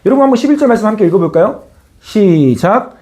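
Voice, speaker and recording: Male pastor, high lively voice, mellow tone, preaches with quoted voices acted out. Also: fast. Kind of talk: sermon.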